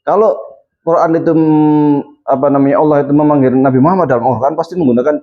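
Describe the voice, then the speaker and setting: In a dull, lo-fi recording, a male Islamic religious teacher talks fast about good manners as a moral lesson. His pitch is fairly high and his intonation fairly even, and he performs small quoted scenes as he goes.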